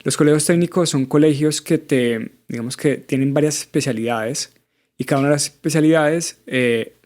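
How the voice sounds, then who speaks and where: With a slightly high, somewhat mellow voice at a moderate pace, this Colombian man in his thirties speaks in a Bogotá accent. He's the guest in a conversational interview, answering thoughtfully with many small fillers.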